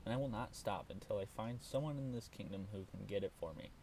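A man's voice: lowish voice, lively intonation, fast, mellow, recorded from a distance, a little hiss or hum, low-quality recording. A man voicing a greedy, ruthless queen who barks short commands, in a storybook reading. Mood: imperious. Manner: commanding, barking short orders.

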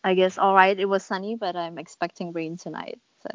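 A woman's voice: on the low side, steady tone, fairly quick, dry recording. A woman co-hosting an interview over a call, speaking in a friendly way. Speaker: podcast co-host. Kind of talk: casual interview talk. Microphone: remote call. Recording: dull call audio.

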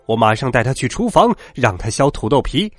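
A man voicing a pompous, quick-tempered old male magician in a children's storybook reading, bossy and easily offended. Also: medium pitch, very animated, no echo, soft background music. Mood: delighted.

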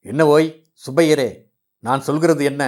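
A man's voice: fairly high pitch, moderate pace, a little mellow, pitched above the performer's own voice, natural voice. A man voicing a jovial, boastful older man who is hosting guests in a read-aloud novel. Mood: hearty. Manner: hearty, boastful.

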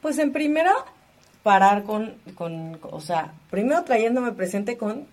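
A woman speaks in a reflective conversation about emotions. She thinks aloud, restarting her phrases often, and her voice sits at a middle pitch. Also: animated, measured pace, a little mellow. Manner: thinks aloud, full of fillers.

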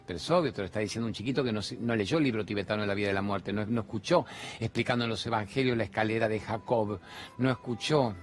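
A fast-talking man with a lowish voice and an Argentine Spanish accent delivers an impassioned spiritual monologue as a TV host. He fills it with rhetorical questions and repeated phrases, speaking from a large TV studio.

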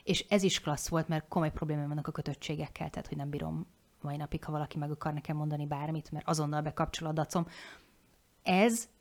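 A woman in her forties talking candidly on a podcast, frank and animated, swearing casually and restarting her sentences. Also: deep voice.

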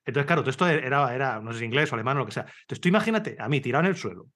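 Man, very rapid speech, casual podcast chat, animated storytelling, laughs and swears. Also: mid-range voice. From Spain. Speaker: podcast host. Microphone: video call.

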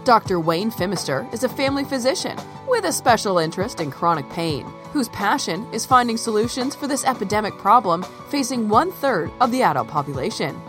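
A woman's voice: medium pitch, big pitch swings, a little fast, few pauses. A woman reading a polished, scripted podcast introduction. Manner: polished promotional read. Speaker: podcast announcer. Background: music.

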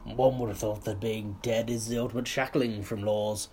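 A man co-hosting a comedy podcast, delivering dry, sardonic one-liners in a deep baritone. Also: normal speed, slightly rough. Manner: dry, deadpan, sardonic quips. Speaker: podcast co-host.

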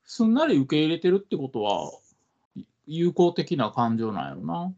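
A man's voice: on the high side, huge pitch swings, normal speed, darkish tone. A man with a Kansai accent co-hosting a casual podcast chat, easygoing and often searching for words. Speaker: podcast co-host. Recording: dull lo-fi podcast audio.

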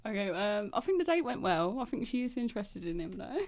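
A woman co-host chatting casually, gossipy and quick to quote others. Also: mid-range voice, very animated, a little mellow. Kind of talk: casual chat.

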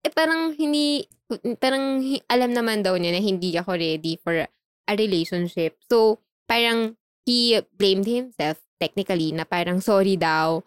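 A young woman telling a story in casual chat, animated, laughing often and acting out the dialogue she quotes. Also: mid-range voice, moderate pace, smooth, no room sound, clean studio sound.

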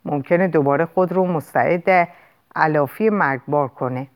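A woman narrating a novel as an audiobook in an expressive, lively storytelling manner. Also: low-pitched, dull audio.

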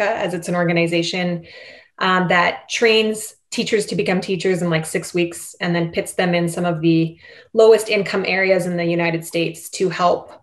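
Earnest woman teacher, reflective chat. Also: fairly low pitch. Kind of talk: casual interview chat.

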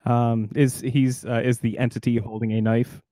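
A man's voice: medium pitch, level tone, moderate pace, dark tone, no room sound, studio quality. A man role-playing casually as a player in a tabletop game. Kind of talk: casual in-character role-play.

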